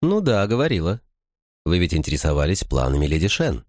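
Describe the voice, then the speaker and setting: A man's voice: deep voice, huge pitch swings, fairly quick, darkish tone, no room sound, clean studio sound, full character voice. A man voicing a sly, smug noblewoman who gossips and schemes, talking condescendingly in an audiobook. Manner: chattering, condescending.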